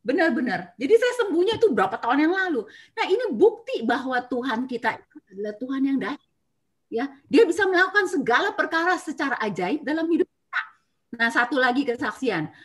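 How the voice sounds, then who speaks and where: A woman's voice: high voice, brisk. A middle-aged woman giving a devotional talk and personal testimony on a video call, telling her stories expressively with frequent filler words. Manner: expressive storyteller, many filler "ya" and "nah". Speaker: church speaker giving a testimony.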